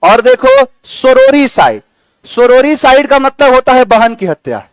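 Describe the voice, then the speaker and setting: A man's voice: extremely high pitch, very animated, measured pace, smooth, no echo. A man teaching English vocabulary to a class, chatty and coaxing, repeating words and using playful memory tricks. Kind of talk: classroom lecture.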